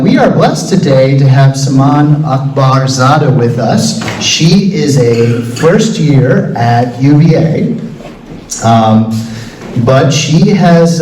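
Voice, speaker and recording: A man hosts a church forum interview in a relaxed, halting way, filling gaps with pauses. His voice is mellow and darker in tone. It comes from some distance in an echoey hall with a faint hiss. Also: mid-range voice. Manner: relaxed and hesitant, with many "uh"s. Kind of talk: hosting an interview. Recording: echoey hall, voice from far off mic, faint noise.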